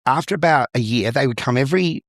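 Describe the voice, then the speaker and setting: A man's voice: medium pitch, animated, fast, no echo, clean studio sound. A man with an Australian accent, a musical theatre performer and vocal coach, telling anecdotes in a casual interview with frequent restarts and repeated words.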